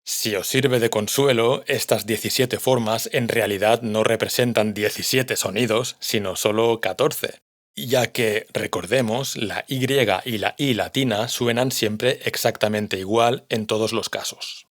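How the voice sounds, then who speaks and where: A man's voice: on the low side, unhurried. A man, patiently explaining a language lesson to learners. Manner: patient, clear explanation, addresses learners directly. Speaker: language teacher.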